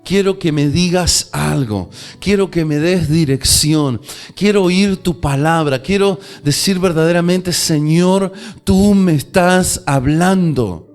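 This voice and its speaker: A man with a Rioplatense Spanish accent, preaching a sermon as pastor, with emphatic delivery, dramatic pauses and quoted prayers. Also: a little high, darkish tone.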